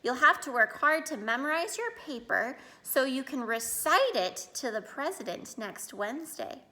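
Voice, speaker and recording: A woman's voice: sits high, very animated, moderate pace, pushed and bright, pitched above the performer's own voice, full character voice. A woman reading as a stern male schoolteacher. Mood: firm. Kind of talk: reading a picture book aloud.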